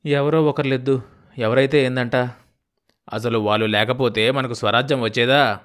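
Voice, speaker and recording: A man's voice: mid-range voice, fairly even intonation, normal speed, a bit bright, lightly acted. Stubborn blunt old farmer, sarcastic bite, voiced by a male audiobook narrator. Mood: gruff.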